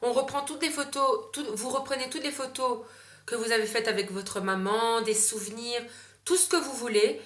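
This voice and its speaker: A young woman talks through gift ideas in a casual vlog, full of fillers and restarts. Her voice is bright and a little higher than usual. The room around her gives a clear echo. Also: normal speed. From Belgium. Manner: chatty, many fillers and self-corrections. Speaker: beauty vlogger.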